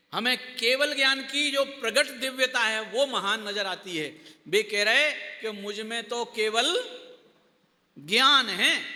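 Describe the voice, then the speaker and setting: High-pitched man teaching religion, keeps quizzing the class and repeating words, lots of reverb. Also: bright, forceful tone. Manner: asks the listeners rhetorical questions, repeats key words for emphasis. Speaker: Jain teacher. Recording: long hall reverb.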